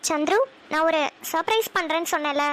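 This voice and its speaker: A young woman acting an earnest, loving young woman in a short family drama, speaking softly and sometimes hesitantly. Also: extremely high pitch, a little fast, over music. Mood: tender. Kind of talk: Tamil short-film dialogue acting.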